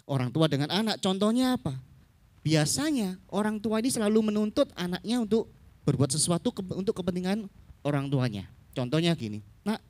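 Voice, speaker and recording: A preacher giving a conversational sermon at a church service, often tagging sentences with quick questions to the congregation. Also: mid-range voice, very animated, darkish tone, no room sound. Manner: conversational, acts out stories, frequent tag questions.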